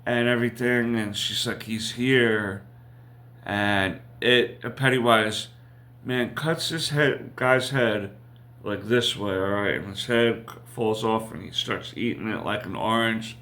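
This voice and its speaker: A man's voice: medium pitch, sharp tone. A man hosting a casual TV episode review, rambling and correcting himself as he recaps. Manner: rambling, slow, with frequent fillers and self-corrections. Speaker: TV review host.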